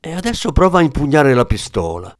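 A man's voice: fairly high pitch, big pitch swings, fast, pitched above the performer's own voice. Man doing Kleber, a scornful hard-boiled cop. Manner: scornful, cutting. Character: hard-boiled, contemptuous male police inspector.

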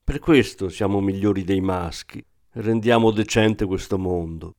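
A man voicing an older former croupier, a German woman who speaks with calm, condescending irony. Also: low voice, measured pace, no echo, clean studio sound. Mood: sardonic.

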